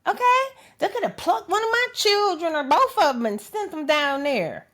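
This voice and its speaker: A woman's voice: high-pitched, sing-song, normal speed, fairly bright tone. Fiery, swearing woman commentator. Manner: emphatic, profane, keeps asking "okay?". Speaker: political commentator. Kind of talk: impassioned opinion monologue.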